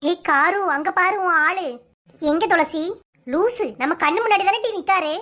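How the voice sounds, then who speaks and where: A woman's voice: extremely high pitch, moderate pace, fairly bright tone. A woman with a Kanyakumari Tamil accent voicing several village cartoon comedy characters, with scolding, teasing banter. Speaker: cartoon voice artist.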